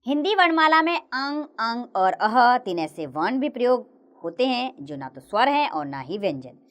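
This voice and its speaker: Slow, clear, and sing-song, a female teacher recites letters for a children's grammar lesson. Her pitch moves around in a lively way throughout.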